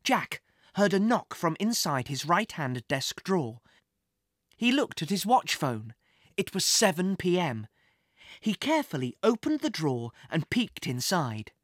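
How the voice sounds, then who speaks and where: Expressive woman reading a children's story. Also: lowish voice, a little slow, no room sound, clean studio sound. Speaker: audiobook narrator. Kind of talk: scripted narration for children.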